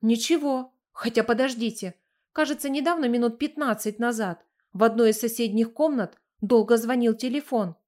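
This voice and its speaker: Earnest, polite lady, pitched up, eager to explain, as a woman narrator plays her. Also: moderate pace, a little mellow, lightly acted. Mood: puzzled. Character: anxious lady in a bathrobe, helpful, polite.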